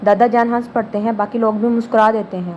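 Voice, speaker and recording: A woman narrating a novel as an audiobook, in a calm, even storytelling manner. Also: fairly high pitch, highs cut off, a little hiss or hum. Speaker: novel reader.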